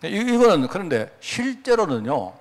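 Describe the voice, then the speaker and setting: Male pastor, sermon, animated storyteller who acts out quotes, very expressive. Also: high-pitched, normal speed.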